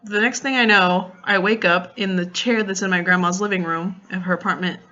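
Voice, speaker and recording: A young woman chatting casually in a vlog, retelling a story in an animated way with lots of fillers and quoted dialogue. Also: medium pitch, a little fast, lo-fi sound. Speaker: vlogger.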